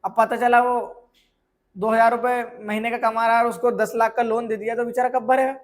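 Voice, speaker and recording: A man teaching a software course, explaining with everyday examples and often asking whether students have understood. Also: very high voice, level tone, brisk. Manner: keeps checking if students follow; asks rhetorical questions and answers them. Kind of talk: screen tutorial lesson.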